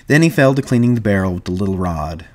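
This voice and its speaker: A man narrating a novel aloud in a measured, even storytelling manner. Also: on the low side. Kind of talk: audiobook reading.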